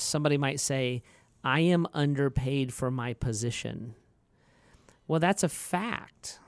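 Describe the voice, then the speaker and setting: Smooth-voiced man telling podcast stories. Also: fairly high pitch, no echo. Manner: animated storyteller who acts out quoted voices; frequent restarts and filler words. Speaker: podcast co-host. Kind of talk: casual podcast chat.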